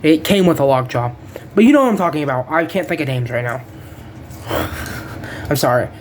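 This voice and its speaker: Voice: mid-range voice, animated, moderate pace, a little hiss or hum. Rambling casual action figure reviewer. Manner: rambling, loses track of names, casual swearing.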